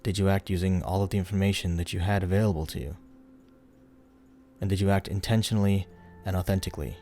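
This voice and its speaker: Leading a guided meditation, a man speaks in a deep, mellow, steady tone. He instructs in a soothing, unhurried way, pausing often, while music plays in the background.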